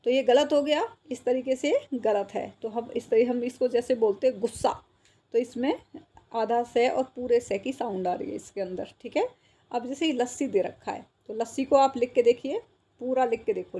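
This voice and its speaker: Woman teacher, patient and repetitive, higher pitch, slightly husky. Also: mellow. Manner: patient, repeats words and checks understanding. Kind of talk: explaining a school textbook exercise.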